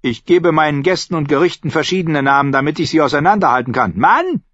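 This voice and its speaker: Male narrator doing a towering, shrill innkeeper woman for an audiobook; bossy and scolding, husky edge. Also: expressive, fast talker, fairly bright tone, no room sound, lo-fi sound.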